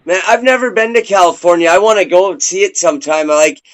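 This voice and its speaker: A man's voice: high-pitched, fast talker, poor audio. A man interviewing a guest over a video call, laid-back and rambling, swearing casually. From Minnesota.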